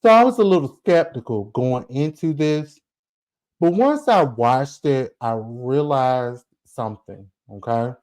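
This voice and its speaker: A man's voice: medium pitch, expressive, a little slow, a little mellow. A forty-year-old man giving casual commentary on a vlog, chatty and full of asides, talking straight to his viewers. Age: 40s. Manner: chatty, talks straight to viewers, frequent asides and rhetorical "okay?". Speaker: celebrity gossip vlogger.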